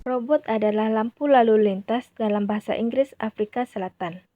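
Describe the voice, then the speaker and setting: A woman reads a translated voice-over steadily in a somewhat high voice. The recording sounds dry and dull, with no room around it. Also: normal speed, dry recording. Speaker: voice-over interpreter.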